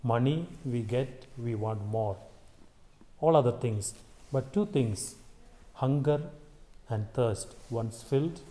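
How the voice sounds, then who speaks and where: A priest leading Mass, reading the gospel and preaching a homily in a slow, solemn way, his voice ringing with a long cathedral echo. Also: mid-range voice, mellow. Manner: measured, solemn delivery with pauses. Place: large church.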